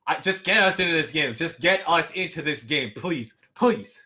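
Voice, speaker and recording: A young man casting a live esports match, rambling in a playful, excitable way between games. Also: on the high side, moderate pace. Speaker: esports caster. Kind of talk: casual live game commentary.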